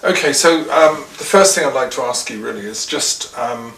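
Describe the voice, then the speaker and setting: A host conducts an interview, guiding the guest along with brief questions and frequent acknowledgements. The voice sits at a moderate pitch and is recorded from a distance in a large, reverberant room. Faint background noise stays underneath. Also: animated, normal speed, vocal fry, fairly bright tone. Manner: friendly, prompting with short questions and murmured acknowledgements. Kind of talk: casual interview chat.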